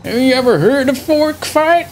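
A man's voice: very high voice, lively intonation, moderate pace. A man voicing a forgetful, cheerful old grandpa war veteran in a folksy, rambling grandpa voice for online game role-play. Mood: rambling, reminiscing.

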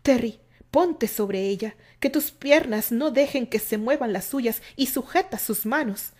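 A woman's voice: a little high, measured pace, a little mellow. A woman voicing an angry, protective young man in a storybook romance. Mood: tense. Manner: barks at the other man.

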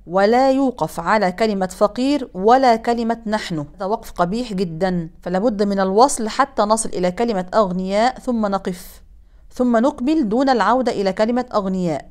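A woman teaching Quran recitation rules, explaining briskly and then drawing out example words very slowly. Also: mid-range voice, a little mellow. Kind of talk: tajweed lesson with slow recited examples.

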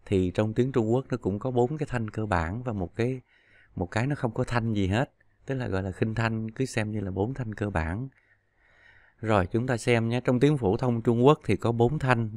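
A man's voice: medium pitch, a little mellow, no echo. Patient male language teacher, dry close sound. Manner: patient, drawn-out model syllables. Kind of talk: explaining pronunciation lesson.

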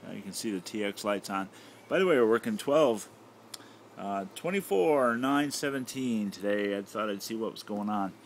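Speaking at a moderate pace with lively intonation, a low-voiced American man demonstrates his amateur radio setup off the cuff, hesitating as he thinks aloud. The noisy handheld recording was made indoors at his home radio desk.

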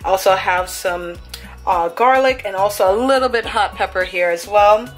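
A woman's voice: mid-range voice, moderate pace, faint music behind. Chatty woman cooking in her kitchen. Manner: chatty, upbeat, talks through each step. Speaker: cooking vlogger. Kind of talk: casual cook-along demonstration. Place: home kitchen at the stove.

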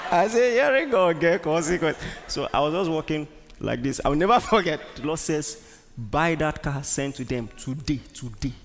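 Gravelly Nigerian pastor preaching in a hall. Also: male voice, on the high side. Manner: emphatic preaching with repeated words and questions to the congregation. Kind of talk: sermon. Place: large church hall. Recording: long church-hall reverb.

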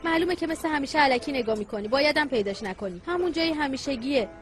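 A young wife who distrusts her husband, cutting and sarcastic. Her voice sits high. Soft music plays underneath. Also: expressive. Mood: scornful. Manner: sharp, sarcastic, accusing. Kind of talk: Persian dub of a Turkish drama.

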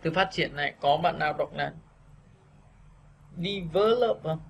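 A man teaching a video lesson on English pronunciation, patiently repeating words slowly for practice. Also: fairly high pitch, level tone, gravelly, a bit bright, slightly rough.

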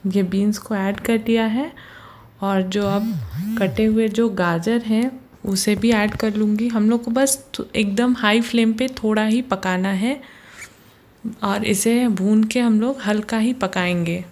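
Speaking from a home kitchen, this woman has a medium-pitched, steady voice with a somewhat dark quality. As host of a cooking channel, she walks viewers through every recipe step with slow patience, frequently drawing their attention with "ye dekhiye."

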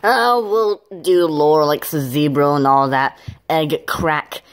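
Rambling low-pitched woman with lots of fillers. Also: slow pace. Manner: rambling, filler-heavy, giggly. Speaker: plush video creator. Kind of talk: casual commentary for a plush skit video.

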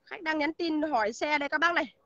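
A woman's voice: high-pitched, fast talker, a bit bright, no room sound, dull audio. A woman selling used cars on a livestream, listing features and prices in a chatty way and greeting viewers by name. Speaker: used car seller. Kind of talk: livestream sales pitch. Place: outdoor used car lot.

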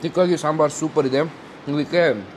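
Fast-talking man chewing while talking. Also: on the high side, slight background noise. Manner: enthusiastic, mixes English words into speech. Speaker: food vlogger. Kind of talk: casual food review.

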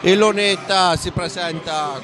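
A man with an Italian accent giving live basketball play-by-play commentary from a sports hall, raising his voice excitedly at big plays. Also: sits high, unhurried. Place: indoor basketball arena. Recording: noisy sports hall ambience.

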